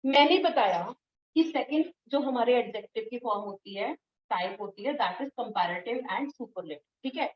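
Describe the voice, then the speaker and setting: A woman teaching English grammar in an online class, patient, repeating and drilling words slowly. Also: on the high side, expressive, echoey room, recorded from a distance, highs cut off, slight background noise. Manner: firm when scolding students.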